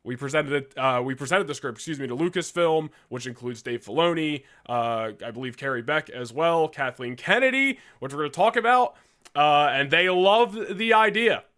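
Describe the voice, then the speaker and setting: A man's voice: on the high side, animated, moderate pace, a bit bright. A young man co-hosting a podcast, chatting casually with loose slang and frequent laughter. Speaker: podcast co-host. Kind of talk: casual chat.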